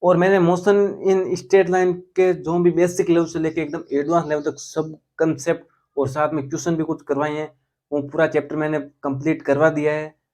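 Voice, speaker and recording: A man's voice: fairly high pitch, darkish tone. Chatty young male physics teacher. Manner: chatty, addresses students as friends, repeats key words. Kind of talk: casual explanatory lecture.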